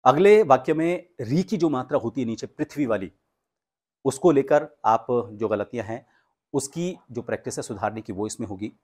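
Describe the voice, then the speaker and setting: A man giving a pronunciation lesson, explaining patiently and reading practice sentences slowly and with emphasis. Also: mid-range voice, animated, darkish tone. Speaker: speech coach.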